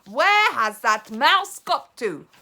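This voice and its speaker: A woman voicing the menacing old witch leader of a storybook, drawing out loud, theatrical pronouncements. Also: high voice, big pitch swings, slow, voice pushed up, full character voice. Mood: snapping.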